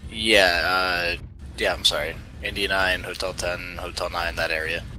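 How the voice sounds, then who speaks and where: Bright, lowish-voiced man on game chat. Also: little pitch movement, a little slow, rough recording. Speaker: online game player leading a team. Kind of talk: casual voice chat during a game. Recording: game voice chat with engine rumble.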